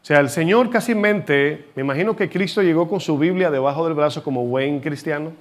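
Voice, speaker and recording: A man's voice: fairly high pitch, fairly quick. A man preaching a sermon, teaching from scripture with rhetorical questions and having the congregation repeat words after him.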